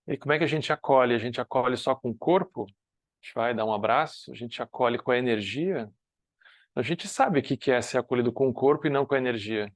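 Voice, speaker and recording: A man's voice: mid-range voice, fairly quick, no room sound. A man with a northern Brazilian accent teaching a Buddhist study group in a conversational way, often checking in with his listeners. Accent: Brazilian Portuguese, northern (uses "tu"). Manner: conversational, often asks "né?", with dips to soft quiet asides. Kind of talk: relaxed spoken teaching talk.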